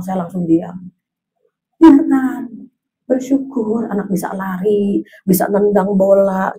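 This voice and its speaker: Husky middle-aged woman preaching. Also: on the high side, poor audio. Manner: animated storytelling, acts out quoted voices. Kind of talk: women's religious study talk. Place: mosque.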